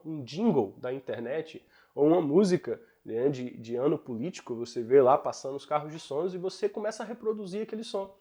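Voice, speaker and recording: Brazilian male English teacher, lively and reassuring, lots of pitch movement as he explains. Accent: Brazilian Portuguese. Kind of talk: online lesson.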